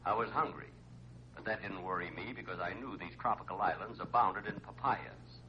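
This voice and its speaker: An actor playing a castaway who narrates his island adventure in a deadpan radio comedy style. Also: on the low side, normal speed, slight background noise, close to an everyday voice. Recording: muffled old radio, loud audience.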